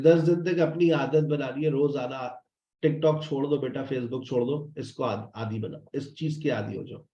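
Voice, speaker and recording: A man's voice: a little high, warm tone. A man teaching a spoken English class, drilling phrases over and over and speaking to his students in a fatherly way. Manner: repeats phrases to drill students, fatherly, addresses them as "beta". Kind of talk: online class explanation. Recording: roomy, dull lo-fi sound.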